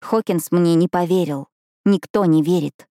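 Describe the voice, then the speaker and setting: A woman's voice: on the low side, measured pace, mellow, no room sound, natural voice. A woman reading the part of an anxious, stubborn teenage girl in an audiobook, with a close, dry sound. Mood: dejected.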